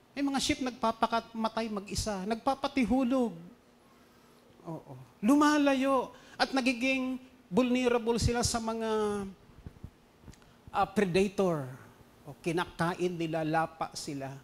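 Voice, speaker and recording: A pastor with a Filipino accent delivers a sermon in a high, light voice. He moves between loud, stressed phrases and quiet, hushed storytelling. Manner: mixes English into preaching, dynamic swings between loud emphasis and quiet storytelling.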